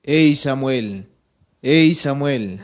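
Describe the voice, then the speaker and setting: A man voicing God's voice as a slow, drawn-out call from far away. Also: mid-range voice, expressive, voice pushed down. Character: calling voice of God, slow and distant.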